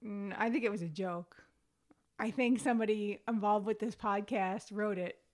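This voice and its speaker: A woman's voice: medium pitch, fairly even intonation, moderate pace. A woman co-hosting a podcast in a casual, conversational style. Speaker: podcast co-host.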